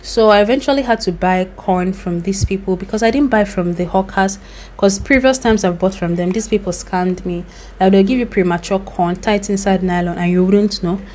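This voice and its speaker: A woman's voice: medium pitch, a little fast, darkish tone, slight background noise. A young Nigerian woman narrating her road trip in a chatty, recommending voice-over with loose asides. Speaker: vlogger. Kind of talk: travel vlog voice-over.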